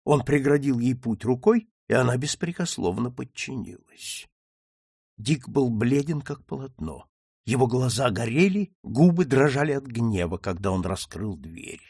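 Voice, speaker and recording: A man's voice: medium pitch, animated, unhurried, darkish tone, husky, dry recording, studio quality. A man reading a classic story aloud as an audiobook narrator, acting out the characters with raised, emphatic lines.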